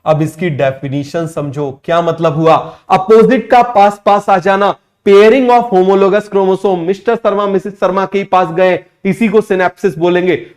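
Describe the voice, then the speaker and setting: A man teaching biology in a fast exam-prep lecture, firing quick questions at students and repeating key terms slowly, mixing with terms. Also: high voice. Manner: rapid, drilling questions, repeats answers slowly.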